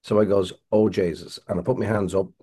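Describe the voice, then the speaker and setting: A man's voice: lowish voice, flat delivery, quick pace, mellow, slightly rough. A middle-aged Irish man, a crime writer, telling a long rambling story in an interview, with frequent restarts. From Ireland.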